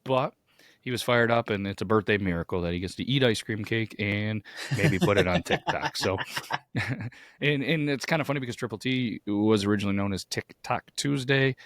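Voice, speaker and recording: Hoarse, grating-voiced man hosting a podcast. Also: on the low side, moderate pace, fairly bright tone, no echo, studio quality. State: hoarse from a weekend of yelling. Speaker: podcast co-host. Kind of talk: casual podcast chat.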